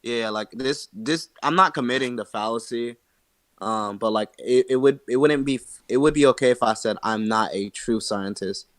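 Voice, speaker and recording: A man's voice: medium pitch, moderate pace. A man taking part in a casual voice-chat discussion, rambling with many fillers. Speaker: participant.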